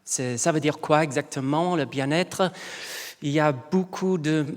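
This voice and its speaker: Male conference speaker, native English with English-accented French, slow and halting, slightly high voice, big hall reverb. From England. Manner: halting, searching for words in non-native French. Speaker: research psychologist giving a conference talk. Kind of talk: informal conference presentation.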